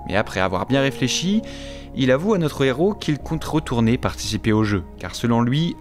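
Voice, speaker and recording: A man narrates as if telling a tale by the fire. His voice sits at an average male pitch, and he keeps a scripted yet casual flow with playful asides to the listener. Music plays behind him. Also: darkish tone. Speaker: narrator retelling a series' plot. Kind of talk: fireside-style storytelling, scripted but conversational. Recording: music under the voice. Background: background music.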